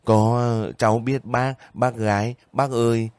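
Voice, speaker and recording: A man's voice: mid-range voice, level tone, unhurried, a little mellow, smooth, dry recording, lightly acted. A man voicing a young soldier on leave who pleads and questions anxiously in a spoken story. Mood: faint. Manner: anxious, breaking voice.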